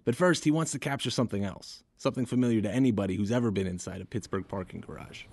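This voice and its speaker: A man's voice: fairly low pitch, fast, darkish tone, a little hiss or hum. A man hosting a podcast, reading scripted narration in a wry, conversational way. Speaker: podcast host.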